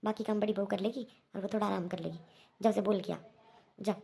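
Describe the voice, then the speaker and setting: A woman's voice: mid-range voice, fairly even intonation, fairly quick, vocal fry, warm tone, close to an everyday voice. A woman voicing a firm, wise older aunt in a cartoon, who urges and coaxes her family with short commands. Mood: urging. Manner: urging, coaxing commands. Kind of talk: Hindi cartoon voice acting.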